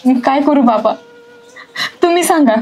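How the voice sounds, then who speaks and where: A woman's voice: sits high, lively intonation, normal speed, darkish tone. An actress playing a mistreated young stepdaughter, crying and pleading with her father, with faint music behind. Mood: tearful. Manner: tearful, pleading. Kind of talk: village drama acting.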